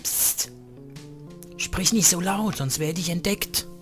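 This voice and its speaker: A man's voice: high-pitched, slow, a bit bright, soft background music, voice pushed up. A man voicing a sweet young catgirl stowaway from a video game, speaking in a cutesy, meowing way. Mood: pleading cutesy. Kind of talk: reading game dialogue aloud.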